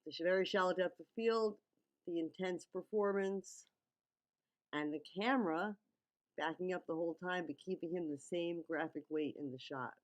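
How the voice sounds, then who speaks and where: This is a woman narrating a breakdown of a music video, keeping it casual and teacherly and regularly checking in with the listener by saying "okay" and "right." She has a lowish voice and speaks at a normal speed. The audio is poor.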